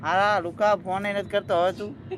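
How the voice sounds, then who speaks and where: A young man with a high-pitched, fairly bright voice speaks at a moderate pace with a flat delivery, and there's slight background noise. Out walking by a riverfront, he vlogs casually, chatting, teasing his friend, and speaking to viewers as the friend films on a phone.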